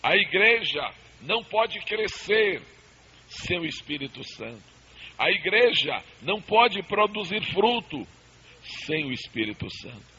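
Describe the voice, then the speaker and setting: A man's voice: high voice, sing-song, measured pace, bright, forceful tone. A male pastor teaching a Bible seminar, emphatic and calling for amens, heard from a worn old tape copy. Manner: emphatic, calls for amens and repeated answers. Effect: worn old tape copy with hiss. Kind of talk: preaching Bible study to a congregation. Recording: muffled hissy old cassette tape.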